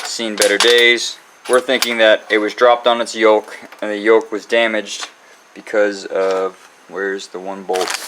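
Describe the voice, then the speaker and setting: A man's voice: fairly low pitch, background noise. A man hosting his own channel, chatting casually and rambling as he walks through a repair job. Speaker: channel host. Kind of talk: casual garage vlog walkthrough.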